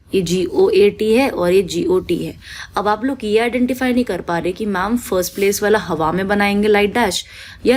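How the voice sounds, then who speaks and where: A woman's voice: mid-range voice, slight background noise. A woman teaching shorthand on a shared screen, patient, repeating each rule and drawing out vowel sounds in her examples. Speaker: stenography teacher.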